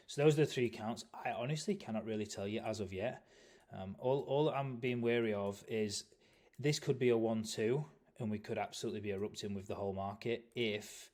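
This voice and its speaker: A man's voice: lowish voice, a little mellow. A man giving casual, rambling chart analysis, leaning on "obviously" and correcting himself as he goes. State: yawning, tired. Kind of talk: casual market analysis video.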